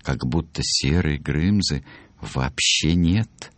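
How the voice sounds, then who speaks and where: A man reading a children's book aloud in an animated way, acting out the voices. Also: extremely low pitch, slow pace, no echo. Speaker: storyteller.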